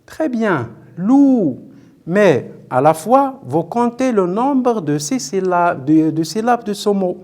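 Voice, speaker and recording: A man's voice: sits high, big pitch swings, slow pace, hardly any pauses, a little mellow. Guy teaching little kids on tv, voice swoops up and down a lot, keeps saying très bien and asking questions. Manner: patient, repetitive, stretches out words syllable by syllable; questions and praises pupils often. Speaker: primary school teacher. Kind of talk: televised classroom lesson.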